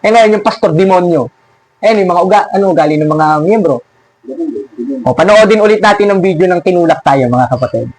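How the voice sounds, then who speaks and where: Give me a high-pitched man preaching and mocking a rival pastor, recorded dry and close. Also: fairly quick, a little mellow, dry recording, low-quality recording. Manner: sarcastic, scolding, laughs at his opponents.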